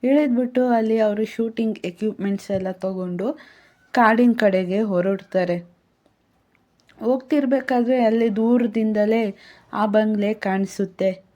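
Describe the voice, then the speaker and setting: A woman telling a story aloud in a calm, steady way. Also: mid-range voice, a little slow. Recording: dull lo-fi sound.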